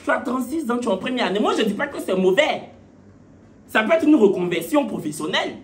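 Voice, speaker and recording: A man's voice: very high-pitched, big pitch swings, quick pace, faint music behind. A man doing stand-up, telling a story in a mocking manner with rhetorical questions. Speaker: comedian.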